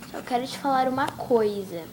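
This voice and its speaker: A woman's voice: sits high, moderate pace. A young girl from Brazil, chatting on her video channel and giggling as she reads chat messages aloud. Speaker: YouTuber. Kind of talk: casual vlog narration. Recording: noisy home recording.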